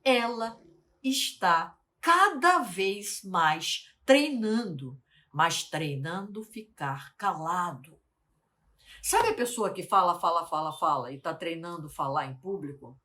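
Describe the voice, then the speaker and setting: A woman, a life mentor teaching to camera, speaking slowly and articulating carefully, often asking the viewer questions. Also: fairly low pitch, expressive, bright, forceful tone. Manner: deliberate, slowed, carefully articulated delivery.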